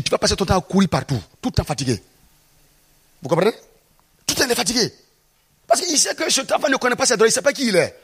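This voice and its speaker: Preacher guy, high voice jumping all over, a bit husky, keeps asking the crowd questions. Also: fairly bright tone. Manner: emphatic, calls out to the congregation with questions. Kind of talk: sermon.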